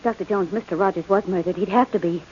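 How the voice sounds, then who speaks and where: An actress playing an earnest, anxious nurse in an old-time radio crime drama, with hesitant, dramatic delivery. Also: female voice, mid-range voice, fast talker, darkish tone, close to an everyday voice. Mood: hesitant, uneasy. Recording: lo-fi old radio recording, faint noise.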